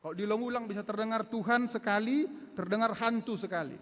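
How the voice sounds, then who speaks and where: A man's voice: sits high, quick pace, fairly bright tone. A man preaching a sermon as pastor in a church, emphatic, repeating key words and acting out quoted dialogue. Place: church sanctuary. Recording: long church hall reverb.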